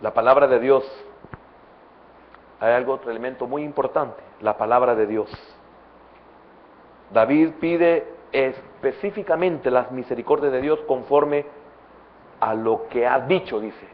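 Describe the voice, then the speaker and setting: Salvadoran pastor preaching, loud then soft. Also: male voice, unhurried, pauses often, narrow, tinny audio. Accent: Salvadoran Spanish. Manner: swings between loud emphatic bursts and soft low asides. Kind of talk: sermon. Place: church.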